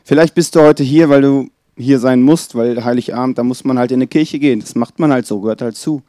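In a church on Christmas Eve, a man with a medium-pitched voice preaches earnestly, speaking directly to his listeners. When reading scripture, he softens and slows down. The audio is clean and studio-like, with no echo.

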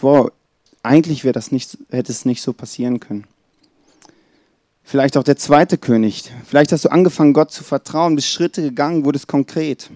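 A man's voice: mid-range voice, no echo, studio quality. A man preaching a Christmas Eve sermon in a church, earnest and speaking straight to his listeners. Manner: earnest, addresses listeners directly; drops to a soft, slow tone when reading scripture.

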